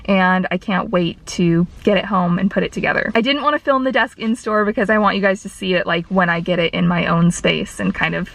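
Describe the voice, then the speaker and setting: A woman's voice: lowish voice, brisk, gravelly, hardly any pauses, fairly bright tone, low-quality recording. A woman vlogger chatting casually to her viewers in an informal, upbeat and enthusiastic way.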